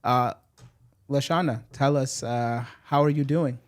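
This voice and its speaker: An American man hosting an interview podcast, upbeat and quick in bursts, with frequent fillers. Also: mid-range voice. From United States. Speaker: podcast host.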